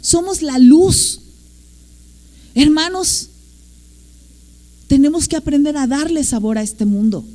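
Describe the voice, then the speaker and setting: Mellow-voiced Mexican woman preaching. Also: high voice, slow pace, long pauses. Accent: Mexican Spanish. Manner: storytelling, acts out quoted voices, asks "¿sí?" often. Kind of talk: sermon.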